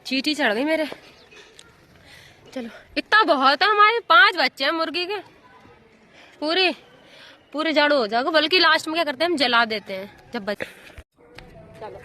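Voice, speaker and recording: A woman's voice: high-pitched, animated, moderate pace, long pauses, pushed and bright. A young woman vlogging outdoors in rural fields, chatty and giggly, talking to her viewers. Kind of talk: casual vlog chat outdoors. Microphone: phone camera.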